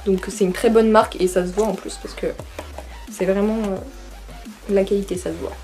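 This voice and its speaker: A young woman chatting casually as she unboxes a monthly pet box, chatty and full of fillers and excited asides. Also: mid-range voice. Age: young adult.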